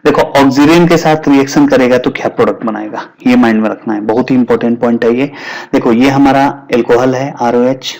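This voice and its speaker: A man's voice: medium pitch, steady tone, a little fast, darkish tone. Male chemistry teacher, mix. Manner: repeats key terms, asks and answers his own questions. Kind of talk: explaining at a whiteboard.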